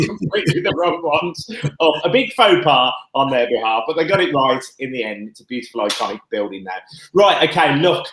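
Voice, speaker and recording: A man's voice: fairly high pitch, a bit bright, a little hiss or hum. A man hosting a show, chatting casually with his guests. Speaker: show host. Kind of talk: casual chat. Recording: roomy echo.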